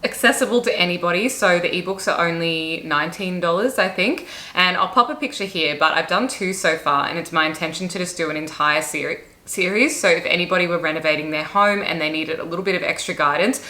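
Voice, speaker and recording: A chatty young woman vlogging casually about her day, her voice sitting a little low. She talks easily and apologizes for her hiccups as they come. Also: a little fast, pushed and bright. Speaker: vlogger and interior designer. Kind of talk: casual vlog chat.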